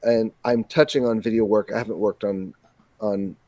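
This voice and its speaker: Dry-sounding podcast host, detail-minded. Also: male voice, lowish voice, fairly even intonation, normal speed, a little mellow, dry recording. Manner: enthusiastic, detail-focused, laughs easily. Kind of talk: casual chat.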